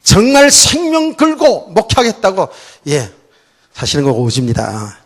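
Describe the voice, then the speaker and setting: A middle-aged man, a pastor, telling a personal story in a sermon, swinging between loud outbursts and soft, low asides. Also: huge pitch swings, moderate pace. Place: church sanctuary.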